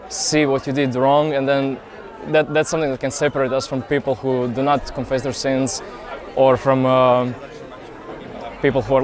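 At outdoor youth festival grounds, a young Croatian pilgrim answers a casual street interview in a flat, medium-pitched voice. He comes across as earnest and hesitant, with many pauses and fillers.

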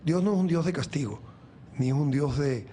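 A man from Venezuela in his sixties speaks as an interview guest, his voice sitting a little high for a man. He talks earnestly about faith, circling back and restarting his phrases often. A faint hiss runs under the recording. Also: normal speed, warm tone. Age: 60s. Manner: earnest, rambling, many restarts. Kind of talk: reflective faith talk in an interview.

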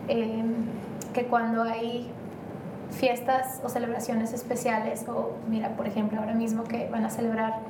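This Mexican woman is an interview guest chatting casually, rambling and hesitating with lots of fillers. Her fairly high voice is delivered completely flat at a moderate pace. The recording sounds roomy and distant, with faint background noise.

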